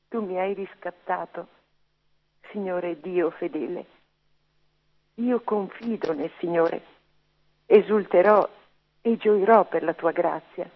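A woman reading a psalm aloud in a slow, measured way. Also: on the low side. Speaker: psalm reader. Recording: tinny radio broadcast, off mic.

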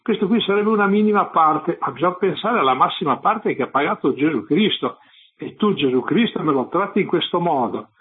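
A man's voice: fairly high pitch, slightly rough. A man, a parish priest, preaching and scolding listeners on a religious radio show. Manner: exhorting, scolding, addresses listeners directly. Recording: narrow phone-like radio sound.

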